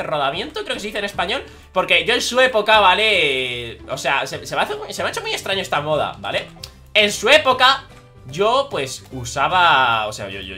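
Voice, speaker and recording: Excitable young Spaniard shouting over gameplay. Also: male voice, fairly high pitch. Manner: excitable, bursts into shouts, self-mocking jokes. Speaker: gaming YouTuber. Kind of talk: live gameplay commentary.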